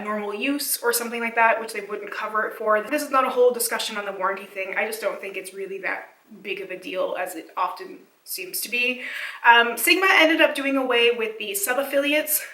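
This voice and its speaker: A woman giving a casual, analytical video essay commentary, chatty with many fillers, her voice slightly hoarse and cracking. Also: mid-range voice, pushed and bright, echoey room, recorded from a distance, poor audio.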